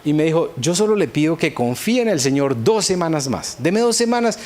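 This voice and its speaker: A man's voice: a little high, sing-song, brisk, a little mellow. A man with a Colombian accent preaching a sermon, telling a personal story and acting out his own past prayers with earnest feeling. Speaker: pastor.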